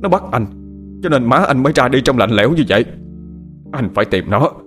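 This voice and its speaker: A man voicing an honest young farmer, earnest and quick to angry shouts. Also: fairly low pitch, soft background music, natural voice. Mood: anguished. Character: honest young farmer, hot-tempered in grief.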